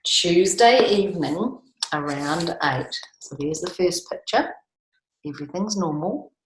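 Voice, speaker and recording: A New Zealand schoolteacher reads a picture book aloud to children, playful and animated, frequently asking them questions and chuckling often. Her voice is on the low side and measured in pace, recorded in an echoey, roomy home setting with slight background noise.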